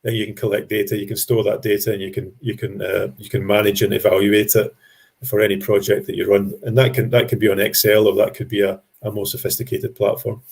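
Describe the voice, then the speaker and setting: A man giving an explanatory business presentation to an industry audience, speaking in a measured way with frequent ums and restarted phrases. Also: on the low side, flat delivery, vocal fry, darkish tone, breathy edge.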